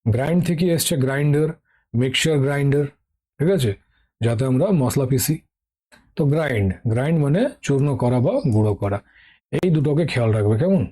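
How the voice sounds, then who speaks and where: A man's voice: mid-range voice, lively intonation, fairly quick, mellow. Patient Bengali-accented male teacher. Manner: patient, repeats key words with frequent "ঠিক আছে?" checks. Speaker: English vocabulary teacher. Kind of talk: online exam-prep lesson.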